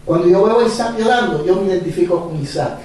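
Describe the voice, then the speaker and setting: A male pastor preaching a sermon, animated and repetitive, chuckling as he speaks. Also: high voice, quick pace, a little hiss or hum. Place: church hall. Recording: echoey church from far off.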